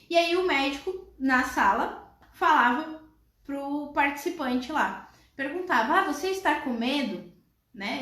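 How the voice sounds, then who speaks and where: A woman explaining emotional health step by step, in a lively storytelling manner. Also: sits high. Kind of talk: explanatory talk with acted examples. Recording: roomy echo.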